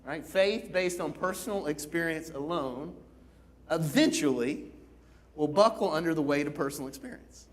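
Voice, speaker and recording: A man's voice: on the high side, moderate pace. Casual, engaging male pastor. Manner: casual, engaging, checks in with listeners. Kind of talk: conversational sermon.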